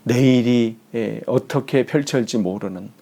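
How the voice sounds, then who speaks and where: A man's voice: mid-range voice, measured pace, gravelly. A man preaching a sermon as pastor, telling a story with rising emphasis and sometimes dropping to a whisper. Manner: animated storytelling, dropping to whispers for quoted lines.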